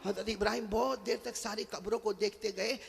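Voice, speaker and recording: A man's voice: sits high, steady tone, gravelly, husky. A man preaching an emotional sermon in a sing-song, chanting style, calling on the crowd to answer him. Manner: calls on the crowd to repeat after him. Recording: long hall reverb.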